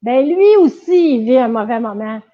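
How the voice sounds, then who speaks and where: A woman's voice: on the high side, expressive, normal speed. A woman with a Quebec French accent, giving a casual live-stream lesson as a dog trainer, chatty with many fillers and restarts. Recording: tinny phone-like audio.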